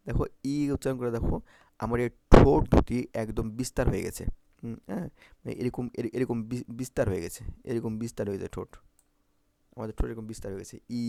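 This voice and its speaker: A man's voice: medium pitch, quick pace, gravelly, dark tone, no echo. A man teaching Bangla phonetics for exam prep, repeating vowel sounds and often checking if students follow.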